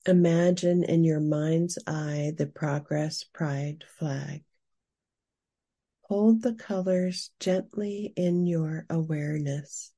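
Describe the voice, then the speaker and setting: Slow, soft breathy woman guiding meditation, hushed. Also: low voice, steady tone. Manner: hushed, soothing spa-like delivery, unhurried. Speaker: guided meditation leader. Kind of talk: slow scripted narration and guided meditation.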